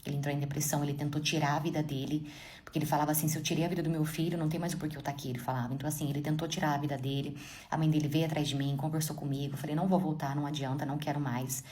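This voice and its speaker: Woman, low voice, rapid dramatic storytelling, young adult. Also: flat delivery, a little mellow. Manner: dramatic, addresses listeners directly. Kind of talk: casual first-person storytelling.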